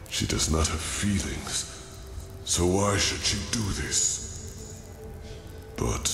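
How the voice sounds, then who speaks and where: An actor playing an ancient, weary guardian entity in a fantasy game, gravelly and solemn, with archaic phrasing. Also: male voice, extremely low pitch, fairly bright tone, full character voice. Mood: brooding wonder. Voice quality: gravelly, creaky. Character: ancient, weary male guardian entity, neither god nor demon. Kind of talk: dramatic fantasy game acting. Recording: echoing voice over music.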